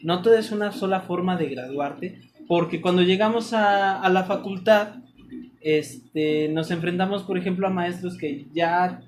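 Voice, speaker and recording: A woman's voice: on the low side, a little slow, a little mellow, a little hiss or hum. A young woman interviewing a guest, supportive and chiming in with short agreements. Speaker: interviewer, anthropology student. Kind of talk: casual interview conversation.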